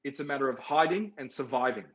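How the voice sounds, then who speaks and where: A man's voice: mid-range voice, lively intonation, quick pace. A man, a film director, talking through his work on a panel, reflective and given to repeating phrases. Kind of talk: panel discussion over video call. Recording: roomy, muffled sound.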